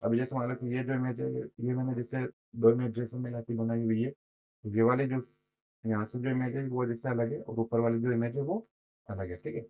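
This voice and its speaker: A hoarse man giving a casual screen-share web design tutorial, rambling with lots of fillers and frequent "okay?" check-ins. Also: mid-range voice, level tone, normal speed, phone-quality sound, a little hiss or hum.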